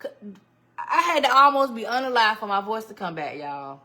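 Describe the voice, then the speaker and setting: On a laid-back livestream, a woman talks animatedly with viewers, calling them by name and laughing frequently. Her voice sits on the high side, moving at normal speed with big pitch swings and a pushed, bright quality.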